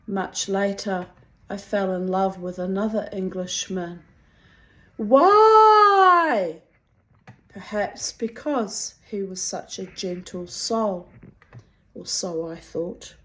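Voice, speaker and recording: A middle-aged woman with a strong New Zealand accent reads her own personal writing aloud in a wry, deliberate, dramatic way. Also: mid-range voice, steady tone, darkish tone. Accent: strong New Zealand (Kiwi). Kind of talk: expressive reading of personal confessional prose.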